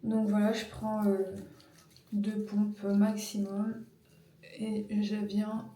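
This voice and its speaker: A woman's voice: mid-range voice, monotone, slow, dark tone. A woman in her thirties giving a casual skincare tutorial, hesitant and full of fillers as she searches for words. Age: 30s. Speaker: beauty vlogger. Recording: echoey room, mic at a distance, music behind.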